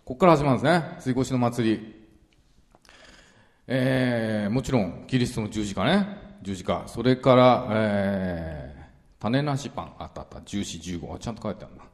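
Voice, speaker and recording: Deep-voiced man preaching in a reverberant hall. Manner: relaxed, chatty, many fillers and asides. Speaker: pastor. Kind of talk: conversational Bible teaching sermon. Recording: long reverberant hall sound.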